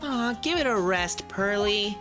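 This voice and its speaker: Game music runs behind a man playing a perky teenage girl. The voice is pushed up high and swings around a lot. She sounds teasing, bouncy and insistent. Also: lively intonation, measured pace. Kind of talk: video game dialogue read aloud.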